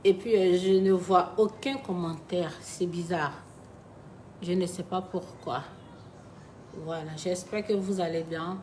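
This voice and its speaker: A woman's voice: lowish voice, steady tone, a little slow, darkish tone, a little hiss or hum. Chatty woman livestreaming. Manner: chatty, calls viewers her babies; sombre and reflective when speaking of loss. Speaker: live streamer talking to her followers. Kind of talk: casual live-stream chat. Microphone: phone.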